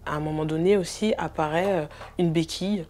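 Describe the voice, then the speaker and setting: A woman giving an earnest documentary testimony as a bereaved sister. She speaks hesitantly, with frequent filler pauses. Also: low-pitched, steady tone, mellow, a little hiss or hum. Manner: earnest, emotionally heavy recounting.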